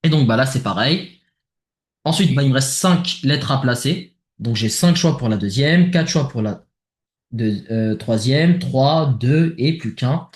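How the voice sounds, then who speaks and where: A man's voice: medium pitch, lively intonation, a little slow. A man with a French accent talking casually through a math exercise step by step, thinking aloud with many fillers. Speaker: math tutor. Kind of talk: worked exercise explanation. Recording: echoey room.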